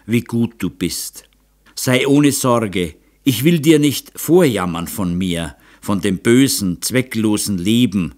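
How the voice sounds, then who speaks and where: A man's voice: lowish voice, darkish tone. A man reading an audiobook voices a remorseful, timid middle-aged woman who pleads and blames herself. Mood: tender. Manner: pleading, self-reproaching.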